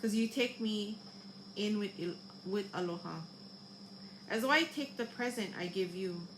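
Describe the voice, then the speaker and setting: A woman with a Hawaiian Pidgin accent, talking and reading Bible stories aloud in an informal, halting way. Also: mid-range voice, background noise.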